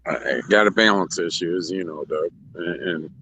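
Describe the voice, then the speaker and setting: A man's voice: sits low, moderate pace, sharp tone, a little hiss or hum. A man co-hosting a racetrack show in casual chat, rambling through restarts and laughing often. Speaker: racetrack co-host. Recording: dull lo-fi sound.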